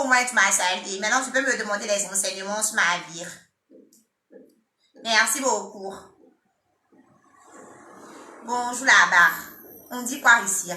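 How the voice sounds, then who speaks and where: A woman with an Ivorian French accent talks on a live stream, teasing her commenters and scolding them in jest. Her voice is very bright and sharp and sits a little high. The sound comes from an echoey room. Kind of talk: casual live-stream chat.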